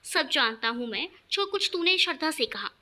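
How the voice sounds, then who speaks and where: A woman's voice: high-pitched, expressive, moderate pace, sharp tone, exaggerated voice. A woman voicing a frank young man in a storybook reading, scolding his friend bluntly. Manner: blunt, scolding, then reassuring.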